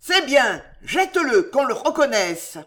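A reader voicing a commanding noble duke who calls out loudly from a distance with a raised pitch. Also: expressive, measured pace, close to an everyday voice. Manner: calling out, loud and high. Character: noble male duke calling from below.

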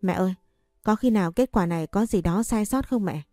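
A woman's voice: mid-range voice, brisk, mellow, no echo, faint music behind, close to an everyday voice. A woman voicing a young wife who begs and stammers through tears in a storybook reading. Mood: pleading. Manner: stammering, begging. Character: young wife, tearful and pleading.

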